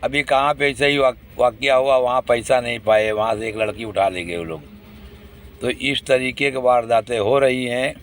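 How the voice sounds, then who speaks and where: A man's voice: medium pitch, fairly even intonation, moderate pace. A man speaking to the public in a casual monologue, indignant and complaining.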